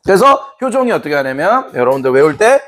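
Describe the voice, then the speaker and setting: Animated, high-voiced male history teacher. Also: quick pace. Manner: playful, acts out quotes, laughs often. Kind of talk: classroom lecture.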